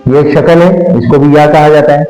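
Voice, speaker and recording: A man's voice: a little high, steady tone, normal speed, warm tone. A man teaching Quran letter pronunciation, patiently repeating each sound so learners can copy it. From Pakistan. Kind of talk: slow Quran recitation lesson. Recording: echoey room with faint music.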